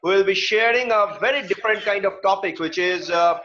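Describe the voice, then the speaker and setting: A man hosting an online interview, speaking haltingly with frequent fillers. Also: high voice, pushed and bright. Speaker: host. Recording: dull lo-fi call audio.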